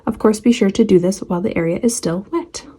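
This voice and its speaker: A woman's voice: medium pitch, fast talker, mellow, slightly rough. A woman hosting a casual painting tutorial in her home studio, reading out steps and breaking in with sarcastic, playful asides. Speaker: art tutorial host.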